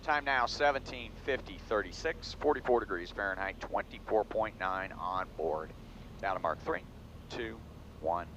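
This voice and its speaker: A man's voice: on the low side, normal speed. A man giving technical in-flight commentary as a pilot, matter-of-fact, with clipped procedural callouts from a small airplane cockpit. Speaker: pilot demonstrating flight maneuvers. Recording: dull audio, loud aircraft cabin noise. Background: engine and cabin drone.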